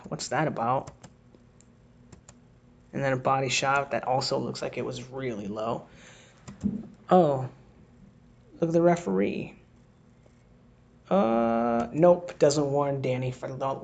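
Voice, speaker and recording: A man with a gravelly, creaky voice at a middle pitch, talking through fight replays in a relaxed, conversational way. He thinks aloud and reacts sharply whenever a punch lands, like a home analyst scoring rounds on a voice-over. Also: a little hiss or hum. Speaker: boxing analyst. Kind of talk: casual fight breakdown commentary.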